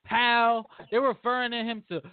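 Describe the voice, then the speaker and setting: This podcast host is a man whose very high-pitched, clean voice moves at a moderate pace. Animated and emphatic, he acts out quotes during the casual discussion, captured in a dry, phone-like recording.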